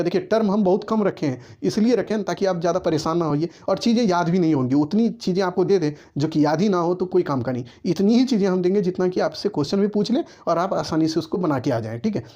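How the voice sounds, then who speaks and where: A man's voice: high-pitched, lively intonation, fast talker, few pauses, mellow. A man teaching a history lesson for exams, speaking directly to students and checking in again and again with "okay". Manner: repetitive, keeps checking with "ठीक है"; addresses students directly, giving writing instructions. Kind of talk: exam-focused lecture to students.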